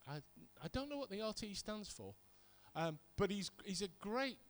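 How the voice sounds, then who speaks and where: Speaking at normal speed with a high pitch and lively intonation, a middle-aged British man preaches a sermon full of personal anecdotes. He tells his stories in a conversational way and repeats points to emphasize them.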